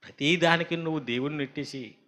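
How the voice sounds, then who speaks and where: A male pastor delivering a sermon with a high, bright voice. He is animated and acts out mocking asides and quoted voices as he goes. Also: fast talker.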